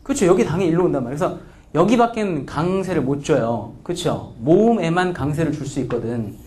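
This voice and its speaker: A man lectures on English grammar with a high voice that leaps up and down. He keeps asking the class questions and sounds out example words syllable by syllable. He slides between casual and polite speech. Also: brisk. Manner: lively, asks students frequent questions; acts out pronunciations.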